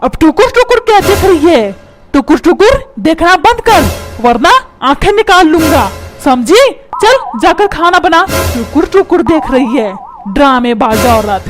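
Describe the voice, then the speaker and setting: A woman voicing a squeaky, blustering cartoon dad. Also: very animated, measured pace. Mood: furious. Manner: scolding, shouting threats. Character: short-tempered middle-aged father, blustering and threatening. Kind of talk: comic cartoon dubbing. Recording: music playing loudly underneath.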